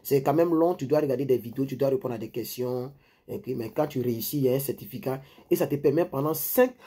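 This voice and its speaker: A man's voice: mid-range voice, mellow, husky. A man from Ivory Coast, giving life advice to his viewers in a rambling, repetitive monologue. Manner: rambling, repeats himself, addresses viewers directly.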